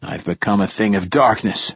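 Man doing cranky ancient male poet, raspy mumble, coarse cursing, low husky voice. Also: moderate pace, no room sound, muffled recording, heavily acted. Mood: grumpy. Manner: coarse, grumbling curses.

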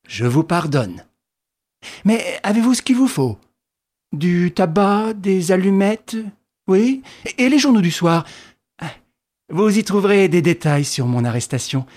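A man reading an audiobook, voicing a suave gentleman thief who talks in an ironic, mock-polite way. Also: a little high, breathy edge, exaggerated voice.

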